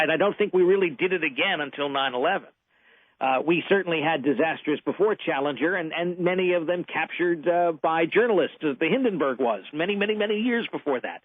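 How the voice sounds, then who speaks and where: A man reporting on a radio show by phone, reflective and halting, with many restarts. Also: medium pitch, no room sound. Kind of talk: radio call-in commentary. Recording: tinny phone line.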